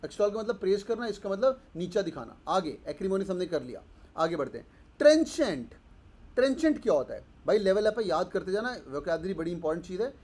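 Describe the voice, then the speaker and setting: A man runs a live online vocabulary class. He is energetic and a little scolding, drills each word again and again, and mixes Hindi with as he goes. He speaks into a live-stream microphone. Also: high voice. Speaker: online exam-prep teacher.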